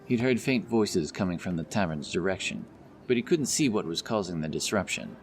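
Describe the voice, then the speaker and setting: Narrating a scripted fantasy audiobook, a man with a voice that sits low speaks animatedly and fairly quickly. Loud music and outdoor sound effects accompany him.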